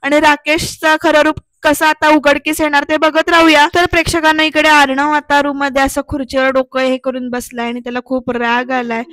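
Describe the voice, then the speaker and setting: A woman's voice: high voice, little pitch movement, a little fast, hardly any pauses, fairly bright tone, dry recording, poor audio. A woman narrating a voice-over recap of a television serial and speaking directly to her viewers. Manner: addresses the viewers directly while retelling scenes.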